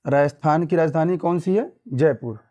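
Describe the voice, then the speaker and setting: A man's voice: a little high, normal speed, darkish tone. A young man from Uttar Pradesh teaching an exam-prep lesson, repeating points and quizzing listeners with tag questions. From Uttar Pradesh, India.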